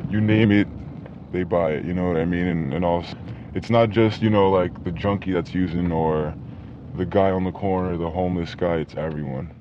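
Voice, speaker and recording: A former drug dealer, a man whose voice is electronically disguised and shifted low, talks haltingly in a casual interview with many fillers and restarts. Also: fairly even intonation. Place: inside a moving car. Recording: dull lo-fi sound with faint noise.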